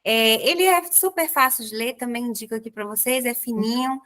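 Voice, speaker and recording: A woman's voice: fairly high pitch, brisk. A young adult woman with a Brazilian accent, a psychologist hosting a podcast and telling stories to her listeners. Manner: lively anecdotal storyteller addressing listeners. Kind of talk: conversational podcast, storytelling.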